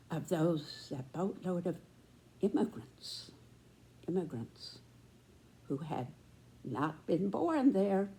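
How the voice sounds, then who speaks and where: Casting: American woman, 90s. Deep for a woman, unhurried and deliberate, pausing often, earnest commentary. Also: a little mellow. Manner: deliberate, measured, with pauses between short phrases. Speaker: speaker giving a personal commentary.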